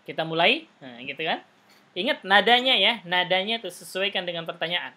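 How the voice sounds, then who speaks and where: A woman's voice: fairly low pitch, animated, moderate pace, sharp tone. A woman teaching an online Arabic conversation class, patiently explaining step by step and repeating key phrases.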